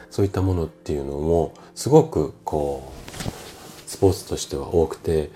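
A man in his fifties, a bodywork clinic owner hosting a solo podcast, calmly explaining things as if to his younger self. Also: deep voice, slight background noise. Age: 50s. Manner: calm, explanatory, speaking familiarly to a younger self.

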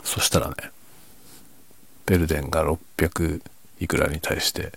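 Very deep, hushed late-night man. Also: level tone, moderate pace, gravelly. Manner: speaks quietly, half whispering, so as not to wake sleeping family. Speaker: host of a late-night audio chat. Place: at home at night. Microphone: microphone without windscreen, slightly backed away.

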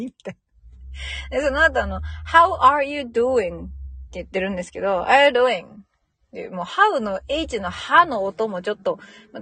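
A young woman talks casually on her podcast, her pitch bouncing widely as she laughs and mimics greetings. The sound is dry and close, with no room around it. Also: fairly bright tone, breathy edge, no echo. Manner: chatty, laughing, imitating local greetings. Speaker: podcast host. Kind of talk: casual solo chat.

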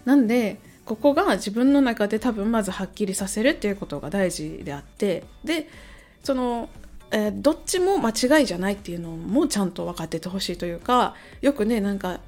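A hungover woman talks casually to her listeners. She rambles a little, thinking aloud as she goes, in a medium-pitched voice. Soft music plays faintly behind her. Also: lively intonation, brisk. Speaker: host, amateur-facing musician and songwriter. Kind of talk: casual solo chat to listeners.

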